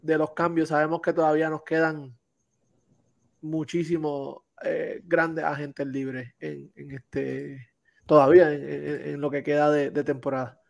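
A man with a slightly high voice offers casual sports commentary on a panel. His delivery is halting as he searches for words, and the recording sounds muffled. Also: level tone, creaky, darkish tone. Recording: dull lo-fi audio.

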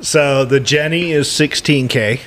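A man's voice: mid-range voice, measured pace, fairly bright tone, slight background noise. A man co-hosting a podcast, cracking jokes and mumbling asides in casual chat. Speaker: podcast co-host.

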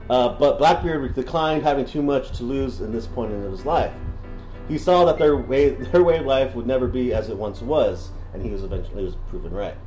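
Brief: male podcast co-host, slangy casual storyteller, warm dark voice, echoey room, faint music behind. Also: medium pitch. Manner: slangy, filler-heavy storytelling. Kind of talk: casual history podcast chat. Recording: roomy room echo.

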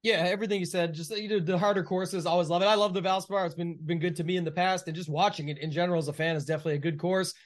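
A man's voice: high voice, steady tone, very fast, few pauses. A man co-hosting a golf podcast, chatting casually about sport in loose, run-on, clipped phrases. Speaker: co-host of a golf betting podcast.

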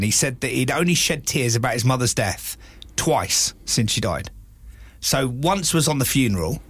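A man's voice: mid-range voice, a bit bright, no room sound. A man hosting a podcast in a reflective, casual chat, asking questions to steer the talk. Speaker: podcast host.

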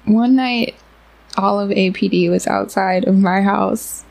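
A woman, co-hosting a podcast as an animated storyteller who laughs often. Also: mid-range voice, a little slow, gravelly. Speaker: podcast co-host. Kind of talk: casual chat.

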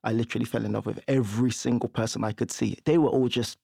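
A man, a guest telling lively stories in a casual podcast interview and laughing often. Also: medium pitch, quick pace, gravelly, slightly rough, no room sound, studio quality. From London, England. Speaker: guest, property investor.

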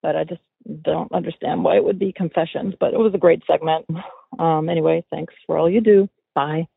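A woman's voice: deep voice, steady tone, a little fast, creaky, breathy edge. A woman caller leaving a casual voicemail over the phone, hesitant and trailing off. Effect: phone line. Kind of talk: voicemail message to a podcast. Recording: dry tinny phone line.

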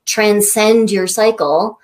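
A woman guest coach answering interview questions thoughtfully, pausing with frequent ums. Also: mid-range voice. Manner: thoughtful, searching for words, with many ums.

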